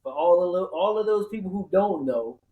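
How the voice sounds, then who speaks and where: A man's voice: sits high, lively intonation, fairly quick, narrow, tinny audio. A man telling his own story in casual conversation as a podcast host, repeating words for emphasis.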